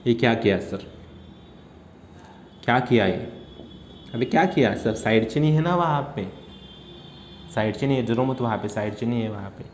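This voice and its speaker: A man's voice: medium pitch, echoey room, slight background noise. A young male chemistry teacher lecturing online, drilling and playfully scolding his students as he talks them through each step. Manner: teasing, scolding, quick drills.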